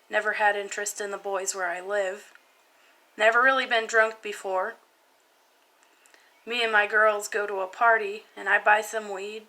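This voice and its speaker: Young woman, bright and clear tone, hesitant spoken-word poem reading. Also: medium pitch, slight background noise, poor audio. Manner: soft, halting and hesitant. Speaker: vlogger.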